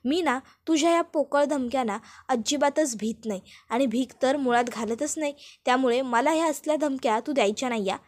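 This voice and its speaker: A woman's voice: high voice, a little fast. A woman voicing a sulky, defiant young woman who snaps scornfully.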